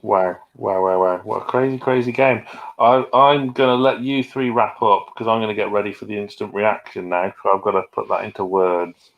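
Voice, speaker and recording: Man, football watch-along host, low voice, excitable, repeats himself. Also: moderate pace, highs cut off. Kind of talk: casual football chat.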